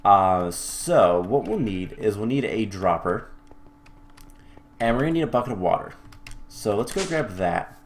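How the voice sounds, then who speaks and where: Low-voiced man narrating gameplay, thinking aloud. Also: animated, a little slow, pauses often, a little hiss or hum. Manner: thinks aloud with many fillers and restarts; mildly wry, self-correcting. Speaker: let's-play host. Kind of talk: casual gameplay commentary.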